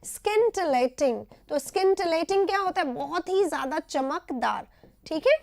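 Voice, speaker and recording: A woman's voice: extremely high pitch, animated, moderate pace, creaky, a little mellow, no room sound. A woman with an Indian accent teaching English vocabulary in a live online class, explaining each word in short repeated phrases and often checking with "right?".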